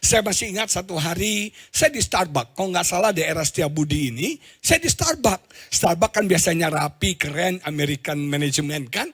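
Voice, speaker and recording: A middle-aged man with an Indonesian accent preaching a sermon as a pastor, telling stories with sudden loud exclamations and low asides. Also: animated, normal speed, breathy edge. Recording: live church stream with faint music behind.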